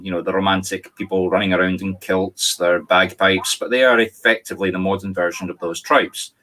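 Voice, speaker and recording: A spiritualist medium from Scotland gives an online talk from home, lecturing on history over a video call with a virtual background. His voice is fairly low but fairly bright in tone, with a Scottish accent, and he tells the history as a discursive, winding story, often correcting himself mid-sentence.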